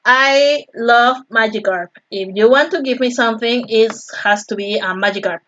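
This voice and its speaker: A woman's voice: on the high side, moderate pace, fairly bright tone, muffled recording. A woman from Peru with a Peruvian Spanish accent, a native Spanish speaker, chatting casually and rambling as she thanks viewers during a live stream of her painting in her home studio.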